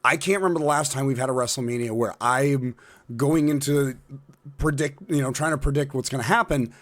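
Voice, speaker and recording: A man with a raspy smoker's voice co-hosting a casual wrestling podcast, rambling and correcting himself as he goes. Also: medium pitch, a little fast, a bit bright. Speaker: podcast co-host.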